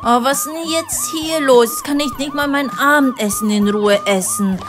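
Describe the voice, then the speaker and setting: A woman voicing a relaxed, blunt male doctor in a kids' animated story. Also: high-pitched, moderate pace, noisy background. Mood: offhand. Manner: casual, dismissive.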